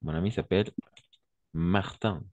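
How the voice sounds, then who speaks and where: A man's voice: low voice, a little mellow, no room sound, muffled recording. A man teaching French to Spanish speakers, explaining patiently, switching into Spanish and checking in again and again. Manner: slow, patient explaining, constant "d'accord?" checks.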